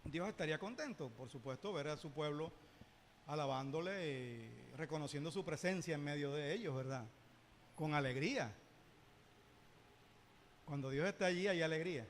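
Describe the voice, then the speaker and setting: A man teaching a Bible lesson in church, lively, with joking asides and rhetorical questions. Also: on the high side, normal speed, long pauses, long reverb tail, slight background noise. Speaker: Sunday school teacher.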